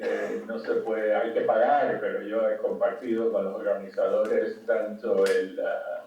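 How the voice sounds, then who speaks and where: An older man from Cuba giving a conference talk over a video call, halting with many fillers and restarts. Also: on the low side. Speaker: conference speaker. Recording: distant, dull, echoey call audio.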